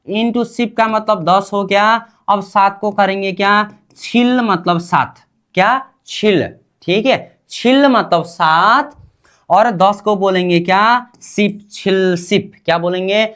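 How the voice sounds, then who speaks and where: A woman's voice: mid-range voice, fairly bright tone. A woman teaching a language class, drilling her students with repeated questions and call-and-response.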